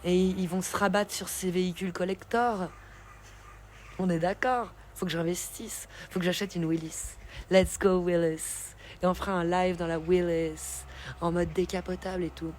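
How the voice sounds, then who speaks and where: A woman's voice: fairly low pitch, steady tone, normal speed, a little mellow, slight background noise. A woman hosting a casual live stream, chatting and laughing with her viewers as she reads the chat. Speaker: livestream host.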